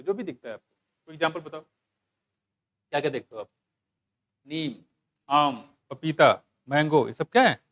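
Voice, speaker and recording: A man teaching a biology class, asking students questions, joking and reading textbook lines slowly. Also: on the high side, fairly bright tone. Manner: asks students questions and jokes, mixing Hindi with English textbook lines; slows down to read English lines aloud. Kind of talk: classroom lecture.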